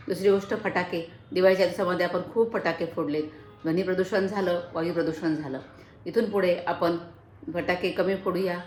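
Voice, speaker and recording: Woman host, low voice, earnest explainer listing points, echoey room. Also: a little hiss or hum. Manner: earnest, lists points one by one, small restarts. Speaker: health channel host. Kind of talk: explanatory health talk.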